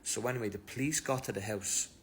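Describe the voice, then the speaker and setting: A man's voice: on the low side, fast talker, a little hiss or hum. Irish man casually retelling a case. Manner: loose, slangy retelling with fillers. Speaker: true-crime commentator. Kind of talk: casual storytelling over footage.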